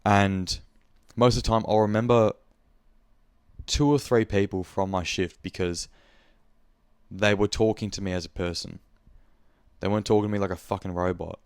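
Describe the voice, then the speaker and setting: A man's voice: lowish voice, steady tone, moderate pace, clear, resonant tone, no echo, clean studio sound. A young man with an Australian accent, hosting a podcast in a casual, rambling monologue, speaking frankly and swearing freely. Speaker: podcast host.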